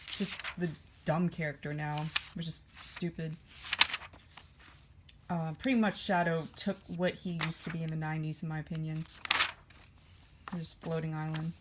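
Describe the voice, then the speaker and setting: A woman's voice: fairly low pitch, a little hiss or hum. A woman vlogger rambling casually while flipping through her old comics, with dry offhand asides. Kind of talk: casual vlog chat.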